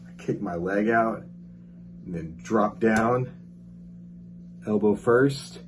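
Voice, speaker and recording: Deep, slow man cutting a wrestling promo. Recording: clear background noise.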